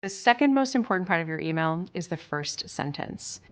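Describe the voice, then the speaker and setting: A woman's voice: fairly low pitch, animated, moderate pace. A woman from Switzerland narrating a sales course in an upbeat, emphatic coaching manner, speaking straight to the viewer. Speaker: sales instructor.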